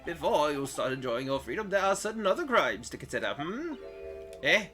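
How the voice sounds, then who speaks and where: A man voicing a stern older male judge in a courtroom video game, speaking formally and gravely. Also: on the high side, very animated, fairly quick, bright, forceful tone, faint music behind.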